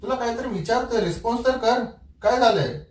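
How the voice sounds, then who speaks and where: A man's voice: very high-pitched, brisk. A man arguing with his wife in their bedroom at night, demanding to know why she is upset. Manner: puzzled, then irritated and demanding answers. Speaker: husband being pranked. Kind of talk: heated domestic argument. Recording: echoey room, far from the mic.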